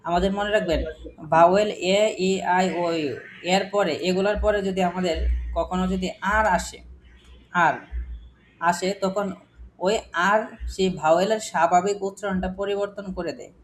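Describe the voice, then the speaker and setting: A man's voice: high-pitched, steady tone, normal speed, slight background noise. Man teaching a phonics class. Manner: questioning, repetitive drilling of examples. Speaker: English teacher.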